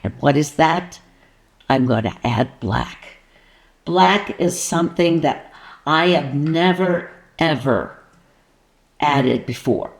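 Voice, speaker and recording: A woman's voice: deep voice, expressive, takes it slowly, long pauses. A woman artist and art coach talking casually to her viewers, then narrating her painting process and joking about her own frustration. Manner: playful, asks the viewer questions.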